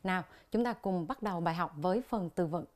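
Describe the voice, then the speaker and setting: A Vietnamese woman with a voice on the low side leads an English lesson on television, going slowly through pronunciation drills of English words with her Vietnamese accent.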